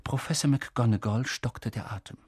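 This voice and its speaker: Husky storyteller reading a book aloud, voice goes up and down a lot, dry close sound. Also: mid-range voice, normal speed, no echo. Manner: lively, expressive storytelling. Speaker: audiobook reader. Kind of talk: scripted narration.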